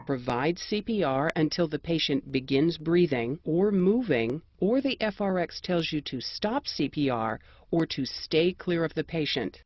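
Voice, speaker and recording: American narrator, medium pitch, scripted instructional read, measured, formal, dry dull lo-fi audio. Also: animated, no echo.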